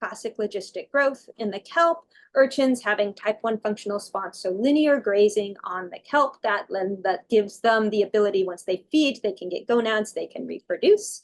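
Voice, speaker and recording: A woman's voice: mid-range voice, expressive, normal speed, hardly any pauses. A middle-aged woman giving an academic research talk, explaining step by step with fillers and self-corrections. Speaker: university researcher giving a lecture.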